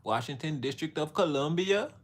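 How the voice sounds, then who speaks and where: A man's voice: fairly high pitch, expressive, moderate pace. A man from Montreal, Canada, hosting a casual livestream, rambling in a slangy way and laughing often as he answers his chat.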